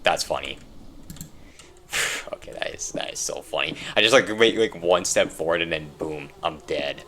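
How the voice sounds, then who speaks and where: A young man giving rambling casual commentary while playing a game, breaking into loud frustrated outbursts. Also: very deep voice, lively intonation, moderate pace, a little hiss or hum. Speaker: gamer.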